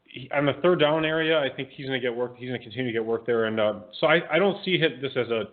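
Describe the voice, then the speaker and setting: A man co-hosting a podcast in casual chat, giving quick, chatty opinions and correcting himself as he goes. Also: medium pitch. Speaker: podcast co-host. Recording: phone-like narrow sound.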